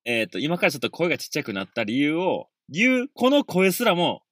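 Lively, fast-talking Kansai man chatting. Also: fairly high pitch, no echo, clean studio sound. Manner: quick, animated storytelling with frequent laughter. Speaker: podcast co-host. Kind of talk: casual chat. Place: inside a parked car in the snow.

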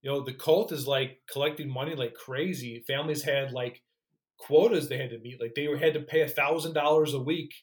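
A man's voice: medium pitch, fairly even intonation, brisk. A man co-hosting a podcast in casual chat, recapping a story animatedly and swearing now and then.

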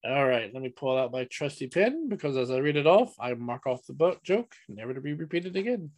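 A man hosting a casual podcast chat, reading corny knock-knock jokes with a deadpan, playful delivery. His voice sits at a middling pitch and sounds dry and close, with no room around it. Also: a little fast, no echo. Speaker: podcast host.

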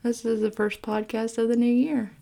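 A woman's voice: on the high side, little pitch movement, normal speed, vocal fry, warm tone. A woman co-hosting a casual home podcast, teasing her co-host and laughing along. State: sleepy.

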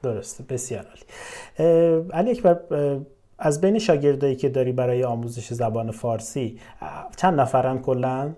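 Podcast host guy, mellow dark voice, asks polite questions with some uhs. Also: mid-range voice. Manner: polite, measured questioning with fillers. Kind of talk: interview questions.

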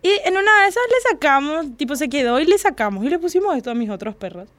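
Young paraguayan woman hosting, high voice, teasing, dry sound. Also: fast, dry recording. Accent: Paraguayan Spanish. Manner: teasing, animated storytelling. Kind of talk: casual chat.

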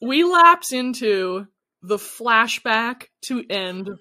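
A woman's voice: on the high side, lively intonation, drawn-out words, sharp tone. A woman co-hosting a casual podcast, animatedly recapping a TV episode and acting out characters' lines. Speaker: podcast co-host recapping a TV show. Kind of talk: casual chat.

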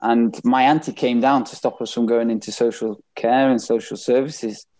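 Speaking as an interview guest, an English professional footballer with a Manchester accent, born in Bath and later relocated north, recounts his life story with candor and reflection. He talks at a moderate pace in a medium, steady, slightly mellow voice.

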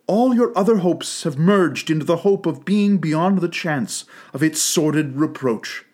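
A sorrowful young woman speaks gently but firmly, as a male storyteller puts her on. Her tone is soft and pleading, lifted higher than plain speech and swinging widely in pitch. The voice has a husky edge. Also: full character voice. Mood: gentle.

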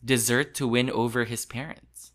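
A man hosting a relaxed food podcast, his voice bright and forward. He keeps things playful, laughs easily and slips into reading recipe blurbs. Mid-pitched, chatty delivery. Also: moderate pace. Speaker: podcast host. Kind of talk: casual chat.

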